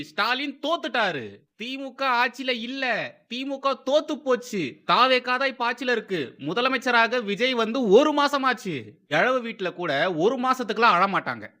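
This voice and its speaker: A man's voice: sits high, bright, forceful tone. A man hosting political commentary, mocking and sarcastic, who repeats phrases for emphasis.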